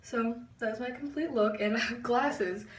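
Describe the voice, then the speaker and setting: A young woman giving a chatty makeup tutorial, pausing as she concentrates. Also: fairly high pitch, distant mic, slight background noise. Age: young adult. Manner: chatty, halting while concentrating. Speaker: beauty vlogger. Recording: echoey room, a bit off-mic.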